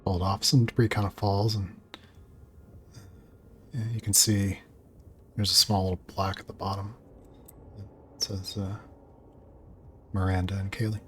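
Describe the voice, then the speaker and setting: A man's voice: on the low side, level tone, moderate pace, pauses often. A man narrating a tabletop game as game master, feeling his way through improvised, hesitant phrasing. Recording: clear background noise.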